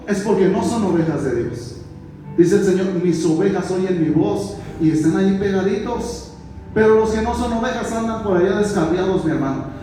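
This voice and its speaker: High-voiced preacher in an echoey church. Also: male voice, darkish tone. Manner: preaching, repeatedly addressing "mi hermano"; slows down for emphasis on scripture quotes. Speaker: pastor. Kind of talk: sermon. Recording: very echoey church hall, distant mic.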